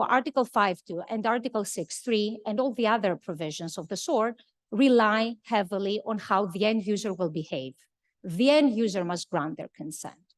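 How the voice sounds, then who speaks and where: A woman speaking on a conference panel, laying out legal points in a measured, precise way with a few fillers. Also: a little high, no echo, clean studio sound. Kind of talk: academic panel talk.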